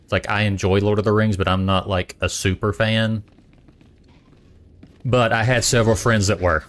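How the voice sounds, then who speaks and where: A young man with a fairly low, steady voice chats casually at a moderate pace while streaming a game. He rambles and eats as he talks.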